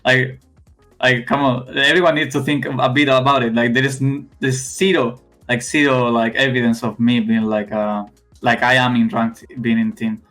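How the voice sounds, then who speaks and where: A young Spanish man speaks English with a heavy accent, stopping and restarting his sentences as he goes. His pitch sits in an ordinary middle range. Faint music plays quietly in the background. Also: level tone. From Spain. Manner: halting, many restarts and fillers. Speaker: esports player guest. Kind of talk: casual interview.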